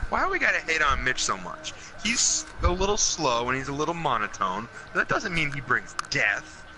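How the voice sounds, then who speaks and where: Young man, lively color commentator, rambling, expressive pitch, noisy background. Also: moderate pace. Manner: animated, rambling, laughs easily. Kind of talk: casual video game commentary. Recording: audible background noise.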